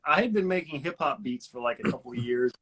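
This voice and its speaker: A man's voice: mid-range voice, animated, quick pace, crowd noise, poor audio. A young man, a guitarist and vocalist, chatting casually in an interview, telling rambling stories with laughs and crude language.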